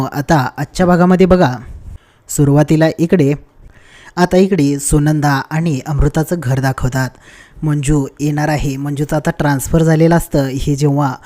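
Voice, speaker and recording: A man recaps a TV serial episode in a relaxed, conversational way, walking his viewers through the story scene by scene. His voice sits a little high, with a warm, mellow tone. He keeps speaking to his audience as friends. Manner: chatty storyteller, often addressing viewers as friends. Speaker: TV serial reviewer.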